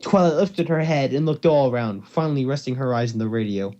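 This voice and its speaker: Narrating fan fiction with casual asides, an amateur male co-host speaks fairly quickly in a warm, medium-pitched voice. The audio comes through a computer or headset mic on a voice call and sounds dull.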